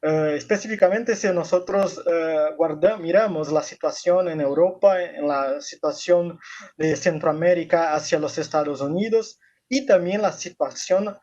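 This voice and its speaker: A man with a Brazilian Portuguese accent, a non-native speaker presenting academically in halting, self-correcting speech over an online call. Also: a little high, darkish tone. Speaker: university professor presenting a paper. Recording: dull lo-fi online call audio.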